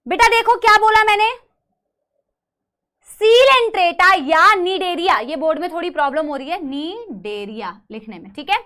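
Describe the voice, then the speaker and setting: Woman teaching biology online, really high bright voice, says each term slow so kids repeat. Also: sing-song. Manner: slow drilled pronunciation, asks students to repeat. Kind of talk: online class lecture.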